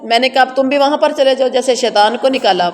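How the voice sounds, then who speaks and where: A woman with a Pakistani Urdu accent teaching a Quran lesson, reciting verses slowly and then explaining each one in plain conversational words. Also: sits high, in a large hall, slight background noise. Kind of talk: word-by-word translation lesson. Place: room with noise heard from outside.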